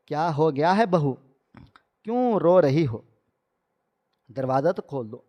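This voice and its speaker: A man's voice: a little high, animated, dull audio, close to an everyday voice. A man voicing a stern, scolding mother-in-law in a storybook narration, with long hall reverb. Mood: pleading. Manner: harsh, scolding.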